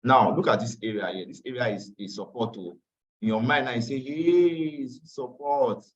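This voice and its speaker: At a normal speed and in a mid-range voice, a tired man teaches a live online trading session, taking students through charts. His delivery repeats phrases and includes Pidgin asides, and the call audio is lo-fi, dull and far away.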